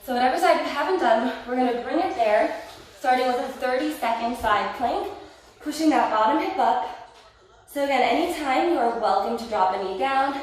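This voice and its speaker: A woman's voice: high voice, moderate pace, slight background noise. A woman Pilates instructor cueing a workout and counting reps, encouraging and a little winded as she exercises along. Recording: roomy echo, distant mic, faint music.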